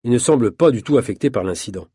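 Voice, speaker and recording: Husky male audiobook narrator. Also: mid-range voice, animated, fast talker, warm tone, no room sound, studio quality. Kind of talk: scripted narration of a French learner story.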